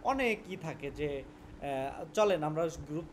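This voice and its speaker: A man's voice: on the high side, lively intonation, a little slow, slight background noise. A young Bangladeshi man with a Bangladeshi Bengali accent, teaching a casual spoken lesson and mixing English words into his Bengali, often restarting his words.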